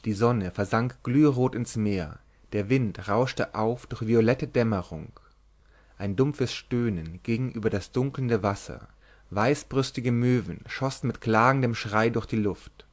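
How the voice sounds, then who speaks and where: A man reading a romantic literary tale aloud in measured narration, lightly voicing the lovers' dialogue. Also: mid-range voice. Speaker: audiobook reader. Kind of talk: scripted narration.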